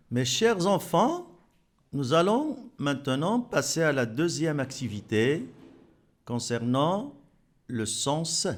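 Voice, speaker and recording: A man teaching French to young children, patiently repeating words and clapping out their syllables. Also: sits high. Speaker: primary school French teacher.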